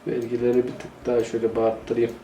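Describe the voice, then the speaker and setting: A man's voice: mid-range voice, completely flat delivery, quick pace, warm tone, a little hiss or hum. A man giving casual, joking commentary while playing a city-building game and talking to himself. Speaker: gaming YouTuber. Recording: roomy echo.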